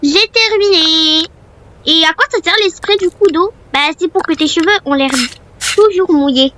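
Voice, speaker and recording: Woman acting young female idol trainee, high girlish voice, friendly, casual, doll-game role-play. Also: normal speed, fairly bright tone, slight background noise. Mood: cheerful, chatty.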